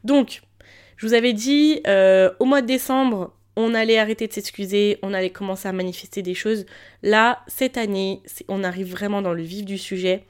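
A woman talks solo on a podcast in a mid-pitched voice made thick by swollen tonsils and a throat infection. She speaks informally and directly to her listeners, urging them on in a motivational way. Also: steady tone, normal speed, clean tone. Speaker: podcast host. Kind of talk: casual solo podcast talk.

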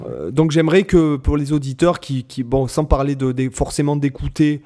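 A man's voice: fairly high pitch, animated, normal speed, mellow. A man hosting a podcast in casual chat, rambling and hesitant, often repeating words as he goes. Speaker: podcast host.

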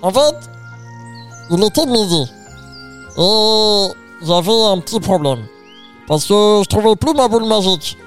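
A man's voice: high-pitched, lively intonation, a little slow, pauses often, soft background music. A man rambling playfully through an improvised comic story, full of fillers.

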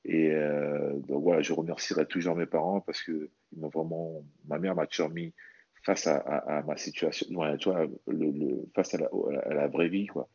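Speaking as an interview guest, a man from French Guiana who is an athlete and bodybuilder describes himself in an earnest, conversational way, tending to repeat his words. His very deep voice is darkish and breathy, with fairly even intonation at a moderate pace. The audio sounds dull.

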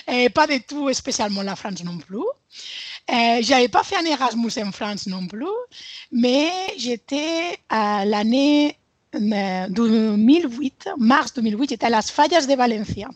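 A woman from Spain speaks French with a Spanish accent, pausing on fillers and restarting her sentences. Her voice sits fairly high. The sound is dry and close, with no room around it. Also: lively intonation, no echo. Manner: hesitant, with many fillers and restarts. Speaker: guest. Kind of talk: podcast interview.

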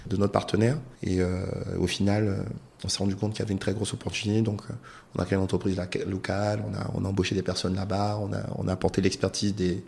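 Gravelly low man. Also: little pitch movement, a little mellow. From Côte d'Ivoire. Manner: measured, explanatory, many hesitations. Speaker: entrepreneur guest. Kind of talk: casual interview talk.

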